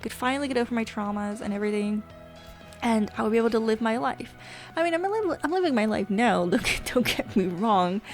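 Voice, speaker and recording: A woman's voice: fairly high pitch, expressive, brisk, faint music behind. A woman vlogger chatting candidly in a casual confessional style, venting and swearing freely. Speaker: gaming vlogger. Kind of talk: casual confessional vlog chat.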